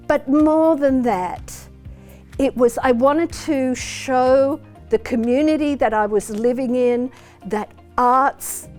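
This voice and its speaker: A woman's voice: a little high, a little mellow. An older woman from Australia, a retired academic turned artist, speaking in an articulate, heartfelt way in an interview.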